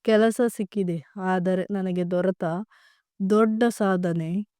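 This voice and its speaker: A woman voicing a hopeful, anxious young daughter in a storybook tale, speaking softly and earnestly. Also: on the low side, steady tone, slow pace, clean tone, dry recording, studio quality. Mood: grateful.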